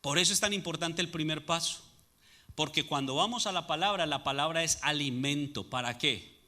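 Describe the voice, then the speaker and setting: Male pastor, high voice, very bright and forceful tone, preaching with rhetorical questions. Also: normal speed. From Latin America. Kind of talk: sermon.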